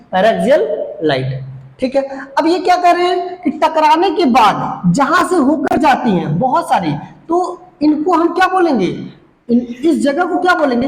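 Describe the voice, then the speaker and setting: Woman physics teacher, bright high voice, repetitive drilling delivery, echoey room with faint background noise. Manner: repeats key terms, asks and answers own questions; stretches out English definitions word by word. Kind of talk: classroom lesson at a board.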